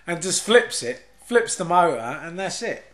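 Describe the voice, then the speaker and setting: A man's voice: sits high, big pitch swings, normal speed, fairly bright tone. A man, co-hosting a podcast in casual chat, rambling and swearing freely. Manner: rambling, swears a lot, laughs often. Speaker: podcast co-host.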